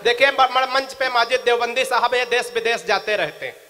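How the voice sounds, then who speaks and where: A man with a very high, bright, ringing voice cracks jokes at a crowd between lines of verse. He draws out his couplets slowly in a chanting recital style. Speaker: comic poet. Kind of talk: stand-up comic poetry at a live recital.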